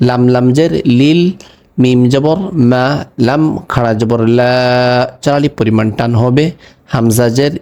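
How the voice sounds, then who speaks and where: A man teaching Quran reading, spelling each word slowly and patiently, letter by letter, then saying it whole. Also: mid-range voice, steady tone, dark tone, clear, resonant tone. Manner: chants the verse words in a drawn-out melodic recitation. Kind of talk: slow letter-by-letter recitation lesson.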